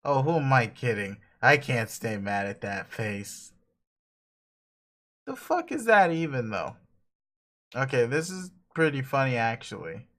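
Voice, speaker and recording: A man's voice: medium pitch, sing-song, unhurried, long pauses, a bit bright, voice pushed down. A man voicing a cool, ironic teenage boy who swears a lot and rambles, in a dramatic reading of a webcomic. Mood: self-mocking. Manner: profane, rambling, laughs a lot.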